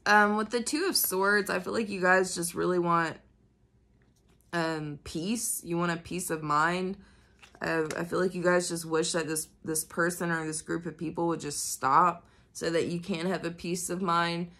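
Fairly low in pitch and steady, her slightly slow, somewhat bright voice carries the nasal sound of a cold starting. She's an off-camera tarot reader at an indoor floor-level table, chatting to viewers with plenty of swearing and filler words as the camera watches the cards.

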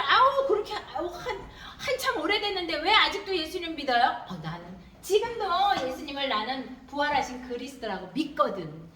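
A woman giving a children's sermon at Sunday school, animated and asking the children questions. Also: very high voice, reverberant, slight background noise. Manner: animated, questioning the children, acting out little voices. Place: church hall.

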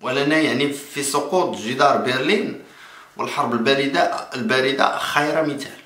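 A man in his thirties with a Moroccan accent, giving spontaneous political commentary to camera in a halting way, repeating and restarting phrases. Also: medium pitch, pushed and bright. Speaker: political vlogger. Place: small indoor room. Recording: echoey room.

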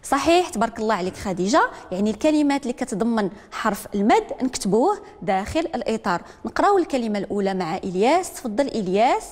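A woman with a Moroccan accent teaching a literacy lesson, repeating each word slowly and calling on learners one by one. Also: on the high side, very animated, darkish tone, big-room sound. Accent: Moroccan Arabic. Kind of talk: broadcast classroom lesson.

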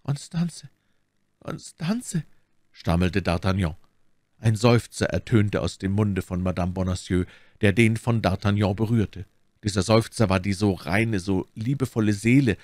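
A man narrating a classic novel as an audiobook, measured and expressive. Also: on the low side, no room sound, clean studio sound. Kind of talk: dramatic audiobook reading.

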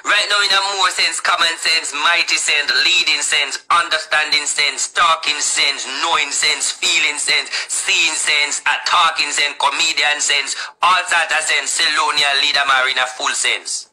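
A man's voice: a little high, steady tone, a little slow, few pauses, bright, forceful tone, soft background music, poor audio. A man with a Jamaican accent, rambling through casual vlog commentary and talking straight to the people he discusses. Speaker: vlogger.

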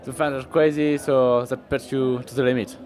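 A man with a French accent giving a post-race interview in English, excited and speaking in short, broken phrases. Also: mid-range voice, normal speed. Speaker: interviewed racer.

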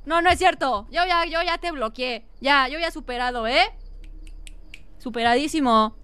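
High, bright-voiced Mexican woman streamer. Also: moderate pace, no echo. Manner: dramatic, panicky, shouting at the screen. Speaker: gaming streamer. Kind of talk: live gameplay commentary.

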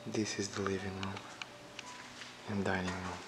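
A man quietly commenting as he explores a dark abandoned house, half-whispering at times, recorded on a handheld camera. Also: low voice, flat delivery, moderate pace, music in the background, poor audio. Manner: hushed, half-whispered remarks. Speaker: urban explorer.

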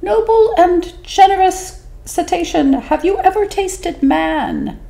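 A woman voicing a small, clever fish in a storybook reading, speaking in a high, knowing voice. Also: lively intonation, gravelly, dark tone, exaggerated voice. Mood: clever, eager. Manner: quick, knowing, high-pitched.

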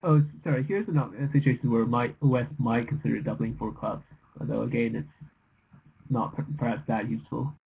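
A man's voice: mid-range voice, normal speed, creaky, highs cut off, slight background noise. A young man analysing bridge bidding as a commentator, thoughtful and a little hesitant. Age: young adult.

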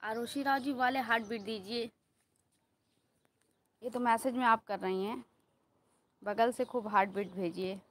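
A woman's voice: on the high side, steady tone, unhurried, long pauses. A woman on a casual pet live stream, coaxing and scolding her cats and asking viewers to like her post. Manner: coaxing, scolding pets, pleading with viewers for likes. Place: home with cats.

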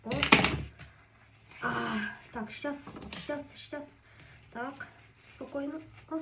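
A woman cooking on camera, giving a fretful running commentary and telling herself to stay calm. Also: high voice, slow, creaky, distant mic, very noisy. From Ukraine. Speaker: home cook vlogger.

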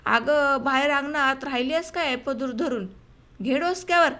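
A woman's voice: high voice, unhurried. A woman voicing an angry, worried village farmer who scolds his wife, in an audiobook story reading. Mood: angry scolding. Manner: scolding, sharp-tongued.

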